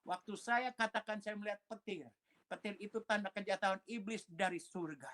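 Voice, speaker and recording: A man's voice: sits high, brisk, fairly bright tone. A man who is a pastor, giving an emotional personal testimony, telling his story animatedly, acting out the voices of others, and dropping in English phrases.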